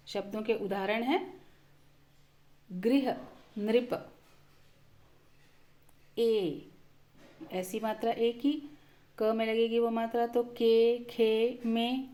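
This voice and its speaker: A woman with a fairly high voice gives a slow, patient lesson. She says each sound clearly and on its own, with pauses between words. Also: warm tone. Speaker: Hindi teacher.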